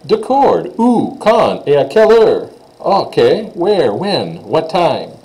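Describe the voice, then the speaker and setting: A man's voice: a little high, very animated, slow pace, darkish tone, voice pushed up, heavily acted, low-quality recording. A man reading the lines of a young male student interviewer for a textbook dialogue, saying each question and then translating it. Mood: inquisitive. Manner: reads questions aloud then translates them.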